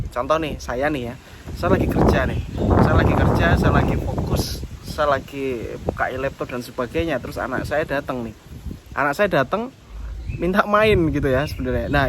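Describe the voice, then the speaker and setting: A man giving a casual self-help talk as a motivational coach, repeating calm advice straight to the viewer. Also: a little high. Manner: repetitive coaching, addresses viewers directly. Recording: clear background noise with passing vehicles.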